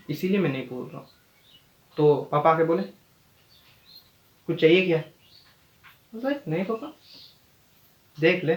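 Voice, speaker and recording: A young man performing a stand-up storytelling monologue and acting out the people in it with lively jumps in his voice. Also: sits high. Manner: animated, acts out quoted lines with sudden loud jumps. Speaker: stand-up comedian and channel host. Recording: echoey room with faint noise.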